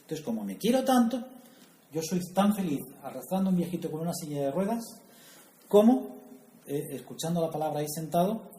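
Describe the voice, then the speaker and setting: A man's voice: on the high side, dark tone, a little hiss or hum. A man preaching a sermon in a conversational way, asking the audience questions and adding humorous asides. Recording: echoey room, faint ambience.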